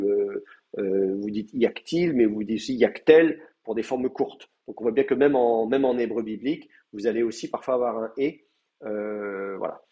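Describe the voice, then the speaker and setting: A man's voice: lowish voice, darkish tone. A man with a French accent giving a university lecture, hesitant, with many fillers and restarts. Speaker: teacher.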